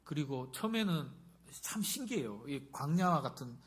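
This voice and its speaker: A middle-aged pastor preaching in a chatty, personal way and often turning to the congregation with questions. His voice sits a little higher than most men's. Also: very animated, moderate pace. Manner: conversational, asks the congregation questions. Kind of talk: sermon.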